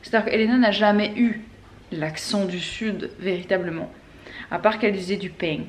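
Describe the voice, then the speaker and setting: A woman's voice: medium pitch, normal speed, slight background noise. Woman chatting casually in an echoey room. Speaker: vlog co-host. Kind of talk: casual chat. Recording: roomy, echoey indoor sound.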